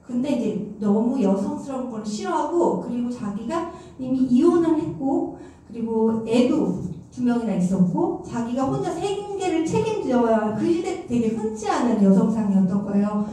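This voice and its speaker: A woman giving a lively music lecture, telling stories and acting out what people said, with a chatty manner. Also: a little high, normal speed. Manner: animated, acts out quoted remarks, chatty fillers. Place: large concert hall. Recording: echoey hall, voice from far off.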